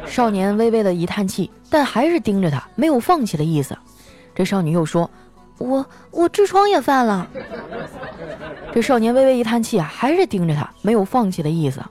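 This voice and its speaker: A woman's voice: mid-range voice, sing-song, quick pace, dark tone, soft background music, a faint crowd. A woman from northeast China hosting an audio show, reading listener jokes aloud in a chatty way and often laughing along. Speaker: podcast host.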